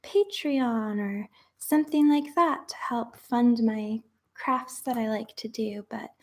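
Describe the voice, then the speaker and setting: A woman's voice: on the high side, slow, darkish tone. A young woman chatting casually while making crafts, rambling with lots of fillers and sometimes dropping to a whisper.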